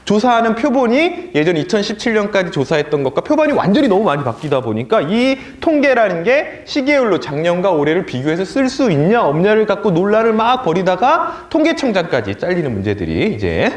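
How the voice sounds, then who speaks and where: Animated male lecturer in an echoey room. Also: high voice, brisk, few pauses. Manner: animated, mocks opponents' talk in a sneering voice. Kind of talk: political education lecture.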